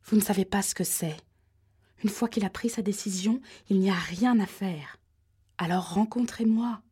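A woman voicing an agitated male caller with a high, metallic voice who whispers threats in an audiobook. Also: normal speed, dark tone, breathy edge. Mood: menacing.

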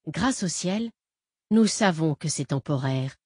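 Woman doing a calm creepy fake dad, low and quiet, talks down to the kid, dry sound. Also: slow, breathy edge, no room sound, full character voice. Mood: patronizing. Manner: soft, patronizing, soothing. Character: calm condescending impostor father, adult man.

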